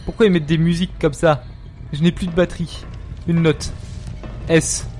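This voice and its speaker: A man's voice: a little high, normal speed, soft background music. Jumpy, cursing French streamer man. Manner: excitable, swears and laughs often, jumpy. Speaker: streamer playing horror games. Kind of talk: casual live-stream commentary.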